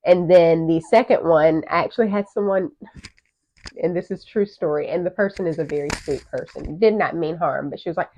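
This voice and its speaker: A woman's voice: sits low, fairly quick, mellow, a little hiss or hum. Candid woman co-host telling her story. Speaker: podcast co-host. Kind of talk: casual chat. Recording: muffled lo-fi audio.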